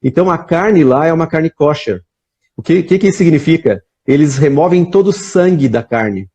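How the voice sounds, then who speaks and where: Brazilian guy on a live call, kinda high for a man, breathy, rambly storyteller. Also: animated, moderate pace, warm tone. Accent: Brazilian Portuguese. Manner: rambling storyteller, many restarts and "né?". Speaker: guest. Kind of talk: casual chat on a live stream.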